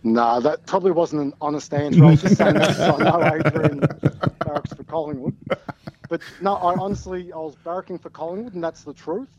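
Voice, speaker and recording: A man's voice: fairly high pitch, fairly quick, a crowd in the background. A man with an Australian accent calling in to a casual sports talk show, speaking in a laconic, understated drawl. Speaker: phone-in caller. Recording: dull, band-limited phone call.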